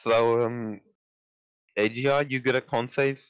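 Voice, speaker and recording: A man chatting casually as a tabletop game player, halting and loosely profane as he talks. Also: medium pitch, fairly even intonation, smooth.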